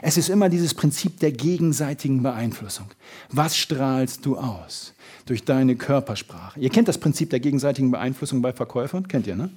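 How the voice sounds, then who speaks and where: A man giving a motivational sales seminar, lively and full of emphasis, acting out little everyday scenes. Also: medium pitch, moderate pace, husky. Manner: lively, shifts loud and soft for emphasis, acts out little scenes. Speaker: sales trainer.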